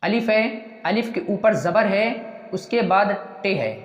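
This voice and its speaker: A teacher giving a slow reading lesson who asks what a letter combination says, then answers and repeats the answer. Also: medium pitch, expressive. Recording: dull echoey recording with long reverb.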